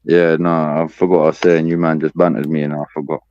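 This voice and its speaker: A man rattles off casual football banter in quick slang, his low, dark voice squeezed through a muffled bluetooth headset mic. The line sounds dull and lo-fi, as if he were talking from underwater. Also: little pitch movement, no room sound.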